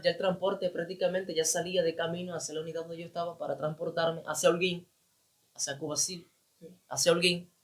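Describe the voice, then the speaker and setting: Man, evangelist, high voice, emotional testimony, repeats himself for emphasis. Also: a bit bright. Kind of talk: personal testimony.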